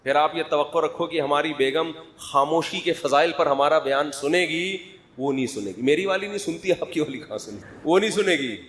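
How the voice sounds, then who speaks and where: A middle-aged man delivers a sermon in a chatty, humorous way. He keeps prodding his listeners for answers, and his voice sits a little high for a man. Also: fairly bright tone. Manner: conversational, humorous, prods the audience for answers. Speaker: religious scholar.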